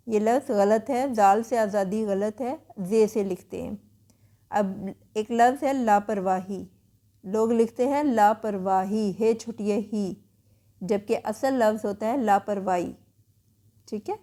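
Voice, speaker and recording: A woman teacher calmly explaining spelling rules word by word, in a patient way. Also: fairly high pitch.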